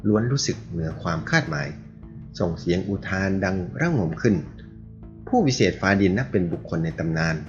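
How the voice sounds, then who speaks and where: Deep-voiced man reading a martial arts novel. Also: animated, brisk. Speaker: narrator. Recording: dull lo-fi audio with faint music.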